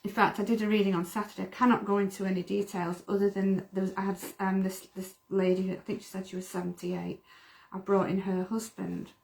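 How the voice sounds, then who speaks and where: A woman's voice: medium pitch, level tone, fairly quick, gravelly, a little mellow. A middle-aged woman from the UK, a medium chatting earnestly on a livestream and often repeating words. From United Kingdom. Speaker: medium, co-host. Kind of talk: casual livestream chat.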